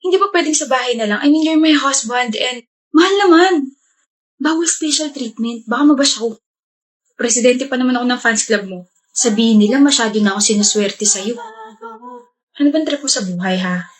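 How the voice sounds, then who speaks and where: A woman's voice: on the high side, a little fast. A woman acting in a romantic comedy skit, full of flirty, joking lines.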